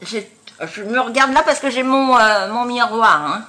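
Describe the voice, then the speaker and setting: A woman chatting casually to viewers in a product review, with a congested, honking nasal voice and a halting delivery as she searches for words. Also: a little high, sharp tone. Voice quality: nasal, honking, duck-like voice from blocked sinuses. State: congested with sinusitis. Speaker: beauty vlogger.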